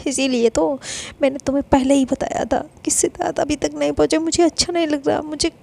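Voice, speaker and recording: A woman voicing a tearful, defiant older sister about to be married, pleading and accusing in halting repeats. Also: high-pitched, fairly even intonation, gravelly, warm tone. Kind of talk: dramatized story reading.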